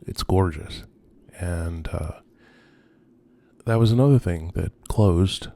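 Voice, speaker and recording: Slow, creaky and dark, the low-pitched voice belongs to a man hosting videos as an urban explorer. At night among abandoned row houses he improvises a narrated tour, subdued and hesitant, his musings trailing away amid noisy ambient audio.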